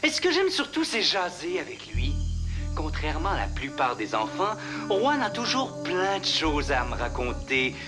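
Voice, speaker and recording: A sneaky impostor dad with a Quebec accent, his pitch swinging widely between chilly questioning and bursts of fake delight. He pries for secrets while pretending to care. Music plays beneath the web drama scene. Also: wildly swooping pitch, moderate pace. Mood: sly. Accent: Quebec French. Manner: cold, prying, with sudden bursts of forced cheer. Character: impostor posing as a distant, pushy father. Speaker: father on a webcam call.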